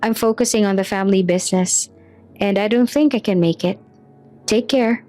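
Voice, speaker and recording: A woman's voice: medium pitch, normal speed, a little mellow, faint music behind, natural voice. Woman doing an earnest young boss. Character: young man, reformed charming boss.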